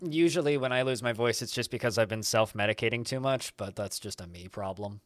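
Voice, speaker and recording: A podcast host with a medium-pitched voice talks a little fast, telling long, rambling stories packed with fillers. His manner is laid-back and the chat casual.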